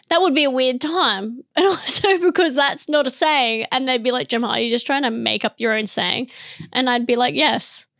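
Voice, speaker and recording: Giggly high-voiced Australian woman, dry mic. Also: fairly bright tone, no room sound. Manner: giggly, self-interrupting, jumps between bits. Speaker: comedy podcast host. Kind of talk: rambling comedic monologue.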